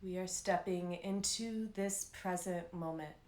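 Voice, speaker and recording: With a low-leaning voice and a roomy sound, a woman instructs a live guided meditation. Her delivery is unhurried and gentle, broken by long pauses.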